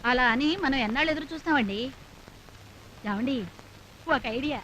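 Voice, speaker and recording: An anxious mother, high voice, pleading, coaxing, old film. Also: moderate pace, sharp tone, a little hiss or hum, poor audio. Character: worried middle-aged mother, coaxing. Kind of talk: 1970s film acting.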